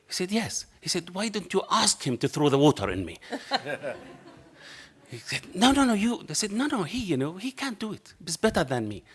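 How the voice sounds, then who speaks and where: This middle-aged man's voice runs high, swings widely in pitch and has a breathy edge, though his speed stays normal. Speaking on a panel with a strong Arabic accent, he tells a story and performs both parties in a conversation, passionate and non-native in his phrasing. The anecdotal public talk comes through a table microphone at a panel table in a dark lecture hall.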